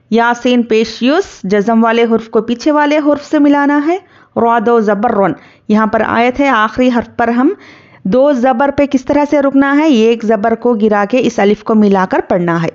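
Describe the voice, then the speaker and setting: A woman with a fairly high voice teaches tajweed step by step. She spells out each letter patiently and draws the recited words out slowly. The audio is dull and slightly lo-fi. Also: darkish tone. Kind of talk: word-by-word tajweed lesson.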